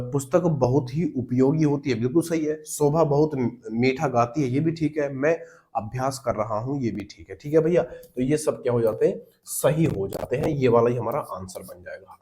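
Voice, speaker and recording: A man's voice: mid-range voice, warm tone. A man teaching an exam-prep lesson, explaining step by step and answering his own questions, often calling the listeners brother.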